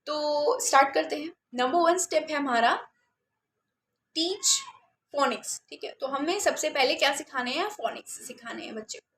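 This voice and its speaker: A woman's voice: sits high, lively intonation, normal speed, fairly bright tone, reverberant, a little hiss or hum. A woman, a special educator explaining reading steps in a patient teaching talk, often checking in with her listeners.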